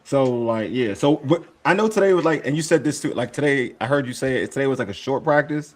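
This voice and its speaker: A man in casual talk-show banter, speaking at a middling pitch. He rambles and restarts his thoughts, gets excitable, and laughs a lot. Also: fast talker. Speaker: podcast host. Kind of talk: casual sports chat.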